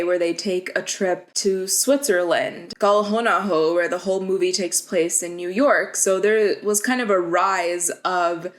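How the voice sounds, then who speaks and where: A young adult woman giving a casual, explanatory video essay to camera, talking conversationally with frequent "like" and "kind of". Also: medium pitch.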